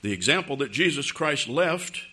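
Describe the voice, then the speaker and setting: A man preaching a sermon, acting out little dialogues, laughing between points and reading scripture slowly. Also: medium pitch, animated, sharp tone, breathy edge.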